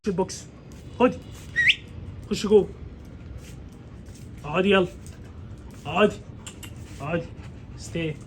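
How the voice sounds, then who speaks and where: Egyptian guy, highish voice, barking out quick commands to his dog outside, bit of faint noise behind. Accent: Egyptian Arabic. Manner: gives short repeated commands to his dog. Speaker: dog trainer vlogger. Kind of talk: casual vlog with dog training commands.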